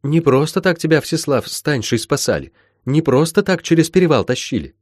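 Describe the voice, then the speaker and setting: Stern middle-aged healer woman, read by a man, folksy old-fashioned speech, raised pitch, dry close sound. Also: expressive, a little fast, no room sound. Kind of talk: audiobook character voice.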